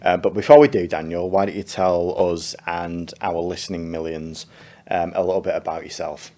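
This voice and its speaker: A man hosts a podcast in a relaxed, chatty way with a very low voice. He laughs easily and fills his pauses with plenty of ums. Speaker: podcast host. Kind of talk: casual podcast chat.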